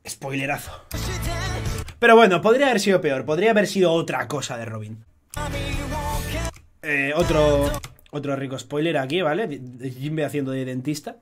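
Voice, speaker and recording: Excitable young man with a Spanish accent. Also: a little high, normal speed, pauses often, over music. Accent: Spain Spanish. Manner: excitable, swears a lot, chatty fan banter. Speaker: streamer analyzing an anime opening. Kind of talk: casual live-stream commentary.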